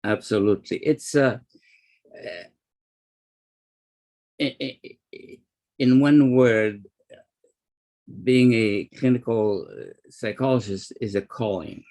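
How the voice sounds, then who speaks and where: A man's voice: fairly low pitch, slow pace, pauses often, darkish tone. An older man from Lebanon, a guest psychologist telling his story unhurriedly, with fillers and restarts. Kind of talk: interview storytelling.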